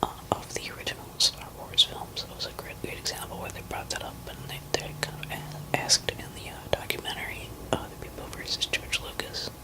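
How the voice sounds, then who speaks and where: A woman rambling hesitantly in a barely audible, unvoiced ASMR whisper, pausing mid-thought. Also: poor audio. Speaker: musician talking to listeners.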